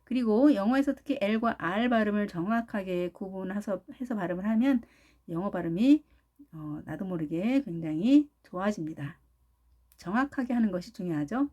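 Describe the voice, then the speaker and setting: A woman's voice: medium pitch, animated, mellow. A woman with a Korean accent teaching pronunciation, sounding out words syllable by syllable in a careful lesson style. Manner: drawn-out syllables sounded out one by one.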